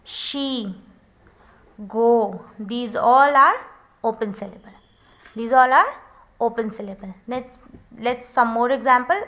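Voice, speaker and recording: A woman teaching phonics, mixing Hindi and English and sounding out each word slowly. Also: sits high, bright, forceful tone. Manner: switches between Hindi and English, slow drawn-out sounding of words. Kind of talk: home-recorded phonics lesson.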